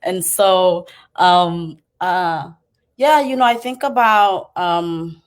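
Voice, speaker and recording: Passionate middle-aged woman, low voice. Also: takes it slowly. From Cambodia. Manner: passionate, circling with fillers and restarts. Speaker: panelist. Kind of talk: personal storytelling on a panel.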